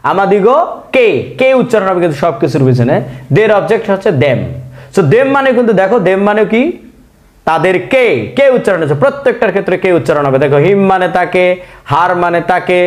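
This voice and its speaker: A man's voice: high-pitched, lively intonation, fast talker. A man teaching spoken English in Bengali, coaxing his viewers with repeated questions. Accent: Bangladeshi Bengali.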